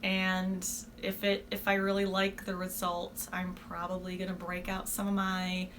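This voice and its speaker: A woman with a bright, forward voice chats casually as a craft podcast host. Her delivery is unscripted and rambling, with an informal, self-deprecating manner. There is noticeable background noise in the recording. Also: on the low side, completely flat delivery, a little slow. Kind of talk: casual, unscripted video podcast chat about knitting.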